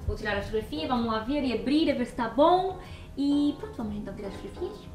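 A woman's voice: on the high side, fast, soft background music. Chatty young woman with European Portuguese accent. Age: young adult. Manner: chatty, excitable, talks to her cat. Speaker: vlogger. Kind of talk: casual vlog chat. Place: home kitchen and garden.

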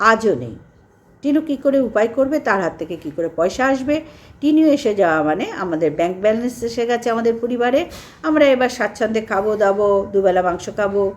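Indignant woman ranting, lively pitch. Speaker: commentary vlogger. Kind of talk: critical commentary monologue.

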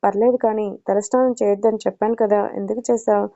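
A woman's voice: medium pitch, steady tone, quick pace, dark tone, lightly acted. A woman voicing an older mother-in-law who is firm and scolding but caring. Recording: dull lo-fi recording.

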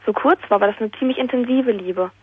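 A woman's voice: a little high, brisk, breathy edge, no room sound. An 18-year-old woman calling a radio show, nervous and rambling, tagging sentences with little asides. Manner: nervous, rambling, fills with "ne?" and acted-out quotes. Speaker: caller. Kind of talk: telling a personal story on call-in radio. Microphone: telephone. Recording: tinny phone line.

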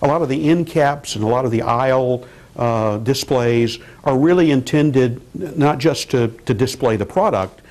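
An older man, a marketing professor, explaining calmly in a news interview in his office. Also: mid-range voice, poor audio. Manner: measured, explanatory, with fillers and restarts. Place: office, indoors.

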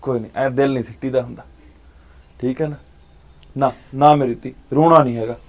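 A man, acting as an uncle in a short film, gently consoling and reassuring his niece. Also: mid-range voice, steady tone, a little fast. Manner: warm, fatherly consoling. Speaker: uncle by marriage.

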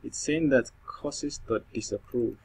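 In this screen-recorded coding tutorial, a male programming tutor with a non-native English accent thinks out loud, restarting often and using lots of fillers. His medium-pitched voice is gravelly and husky, his pace measured, and the recording is low in quality.

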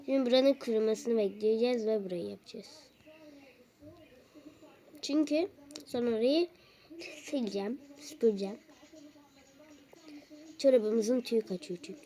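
A woman's voice: on the high side, moderate pace, long pauses, dark tone. A woman filming a casual home vlog, scolding her family with exasperation while cleaning the bathroom, on a handheld camera. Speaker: family vlogger.

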